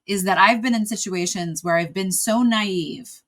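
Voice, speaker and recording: A woman hosts an interview in an easy conversational tone. She thinks out loud and ties her guest's story back to her own experience. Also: mid-range voice, a little slow. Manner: reflective, relates things to herself. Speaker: interview host.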